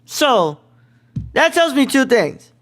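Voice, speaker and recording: A man's voice: very high voice, very animated, takes it slowly, a bit bright. Rambling young man hosting a podcast. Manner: rambling, many fillers, says bro and what's it called. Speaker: podcast host. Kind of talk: casual film review chat.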